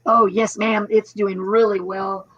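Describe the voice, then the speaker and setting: A woman's voice: medium pitch, flat delivery, a little slow, dry recording, highs cut off. A woman in her fifties chatting casually as a co-host, rambling with restarts and laughs. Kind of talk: casual chat on a live stream.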